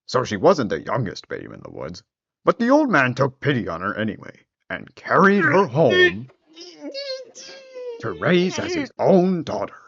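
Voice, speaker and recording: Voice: medium pitch, wildly swooping pitch, unhurried, creaky, a bit bright, slightly rough, no room sound. A storyteller giving a theatrical, wry comic narration of a fairy tale on a dull lo-fi recording.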